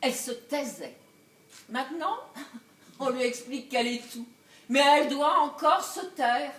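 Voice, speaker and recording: A scorned wife, fiery and scheming, played by a woman on a theatre stage in a live comedy. Her voice sits high, and her speech is slow and deliberate. She laughs through her plots and drops to low asides. The sound is roomy and picked up from a distance. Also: animated. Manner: laughing, swinging between loud outbursts and low asides. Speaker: stage actress. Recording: echoey stage recorded from far off.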